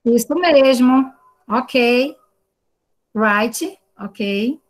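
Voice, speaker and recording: A woman's voice: fairly high pitch, very slow, a little hiss or hum. A woman with a Brazilian Portuguese accent teaching an online class over a video call, explaining patiently and often checking in with tag questions. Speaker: English teacher.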